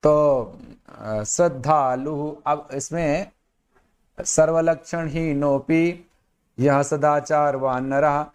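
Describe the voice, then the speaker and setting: A man teaching Sanskrit grammar who explains each word in Hindi, repeats phrases, and recites verses slowly. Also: medium pitch, darkish tone. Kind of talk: slow explanatory lesson with recitation.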